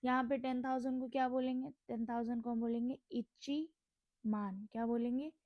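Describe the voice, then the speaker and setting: In a casual language lesson, a young woman from India repeats each word slowly, then asks questions and answers them herself. Her tone is a little high and steady, the recording has no echo, and the highs are cut off.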